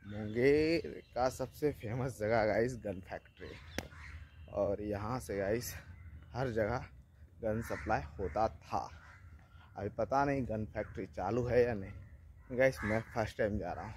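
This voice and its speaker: A young man with a Bihari Hindi accent, chatting casually as he walks to a gun factory for his vlog and saying "guys" in nearly every line. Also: lowish voice. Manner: chatty, says "guys" constantly; drops to a hushed voice near guards. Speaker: travel vlogger. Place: outdoors on roads and near a factory gate. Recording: noisy outdoor phone recording.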